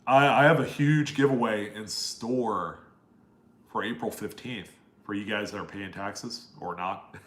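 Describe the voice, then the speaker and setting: This Maryland live stream host speaks in a lowish, nasal voice at a measured pace, with reverb on the sound. He's a young man answering chat questions casually, friendly and rambling as he names his viewers.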